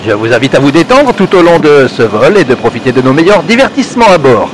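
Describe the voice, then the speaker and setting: Man in a lively mock pilot announcement. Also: a little high, fast talker, slight background noise, poor audio. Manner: formal, stately cabin-announcement delivery. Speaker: podcast host. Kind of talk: mock airline captain announcement.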